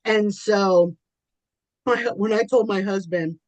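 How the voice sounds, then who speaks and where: A woman's voice: medium pitch, slow pace, a little mellow, dry recording, muffled recording. Candid laughing woman podcast host. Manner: candid storytelling with frequent laughs. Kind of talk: casual chat.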